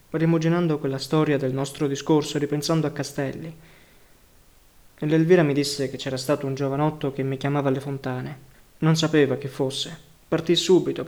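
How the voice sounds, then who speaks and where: Male audiobook narrator, higher-pitched, even literary reading. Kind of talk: novel reading.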